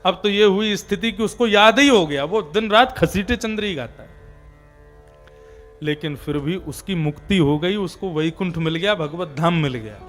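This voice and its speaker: A male preacher delivers a devotional sermon, explaining each point with firm emphasis. His voice sits high for a man. Faint devotional music plays under his talk. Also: normal speed, fairly bright tone.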